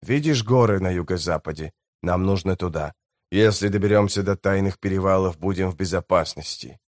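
A man playing a grim wary guide, low muttered voice, quiet and terse, bitter edge, dry close sound. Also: brisk, dry recording, lightly acted. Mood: curt.

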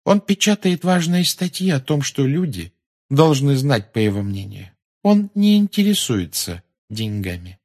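A man reading an audiobook, voicing a dreamy, odd schoolgirl who talks slowly and unbothered. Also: medium pitch, big pitch swings, darkish tone, pitched above the performer's own voice.

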